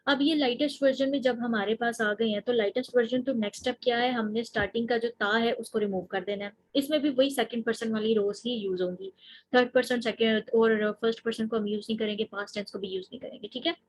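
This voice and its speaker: Woman, grammar teacher, step-by-step explanations, questions to the class, fairly high voice. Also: fairly even intonation, quick pace, rough recording. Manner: explains step by step, mixing in English terms and asking the class questions. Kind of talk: recorded lecture.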